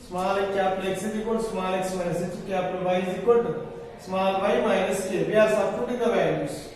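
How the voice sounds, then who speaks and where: A male maths teacher with an Indian accent speaks in a high voice from well back in a very reverberant room. He dictates each step slowly and deliberately, repeating phrases and prompting the class with questions. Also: darkish tone. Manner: repetitive step-by-step dictating, stretching key phrases; prompts listeners with questions ending in "sir". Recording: very echoey room, distant mic, faint noise.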